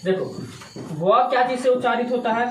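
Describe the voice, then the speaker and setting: A man's voice: very high voice, moderate pace. A male teacher walks through a grammar lesson, posing a question and then giving the answer himself, over and over. His voice bounces around an echoey room with faint background noise. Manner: asks questions and answers them himself, repetitive. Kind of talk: classroom-style Hindi grammar lesson.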